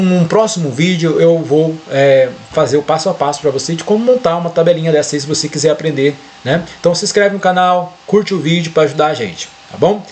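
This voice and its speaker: A man's voice: a little high, darkish tone, a little hiss or hum. Brazilian man tutoring through a screen share. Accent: Brazilian Portuguese. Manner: explanatory, checks in often with short questions. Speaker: educator explaining a spreadsheet tool.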